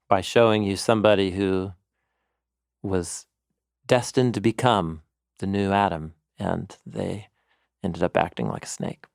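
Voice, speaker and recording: Lively man explaining scripture. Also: lowish voice, creaky, dry recording, studio quality. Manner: animated explainer, quotes scripture in storytelling voice. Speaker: co-host and Bible teacher. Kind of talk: conversational teaching.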